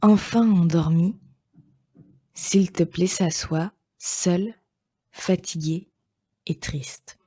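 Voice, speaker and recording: A woman reading a children's story aloud slowly and gently, with clear pacing. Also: fairly low pitch, dry recording, studio quality.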